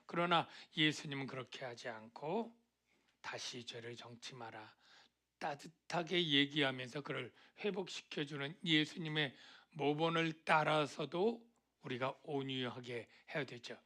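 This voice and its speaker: Male pastor, middle-aged, slightly high and bright timbre, chatty question-asking sermon delivery. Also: a little slow. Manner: conversational preaching, asks the congregation questions, acts out quoted voices. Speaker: senior pastor.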